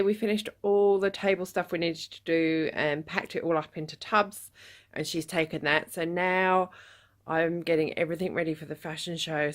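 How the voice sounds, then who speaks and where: A woman's voice: low voice, no room sound. A woman in her thirties, a fashion designer, speaking openly and reflectively to the camera in a personal vlog. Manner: open, reflective talk to camera.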